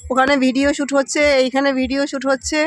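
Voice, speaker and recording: This casual travel vlog features a young woman walking a muddy riverbank outdoors, chatting right at her viewers. She speaks quickly in a high voice with little pitch movement, and the recording is dry.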